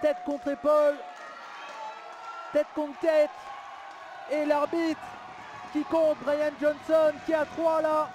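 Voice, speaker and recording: High-pitched, excitable male wrestling commentator over crowd. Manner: excitable, exclamatory, drawn-out calls of big moves. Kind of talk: live play-by-play wrestling commentary. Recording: live event with crowd noise.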